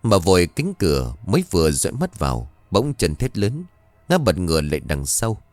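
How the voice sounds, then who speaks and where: A man narrating a scripted horror story in a slow, suspenseful reading voice. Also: low-pitched, huge pitch swings, no room sound. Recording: music bed behind the voice. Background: faint music.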